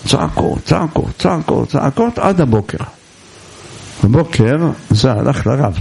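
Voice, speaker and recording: A man preaching a sermon, telling a folk story with lively acted-out voices. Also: mid-range voice, vocal fry, slightly rough. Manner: animated storyteller acting out voices. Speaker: rabbi or preacher.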